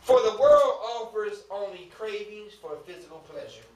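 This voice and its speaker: With a high, sing-song voice at a moderate pace, a male preacher gives an emphatic sermon, tossing out humorous rhetorical questions and informal asides to his congregation. It was recorded from a distance in an echoey church sanctuary.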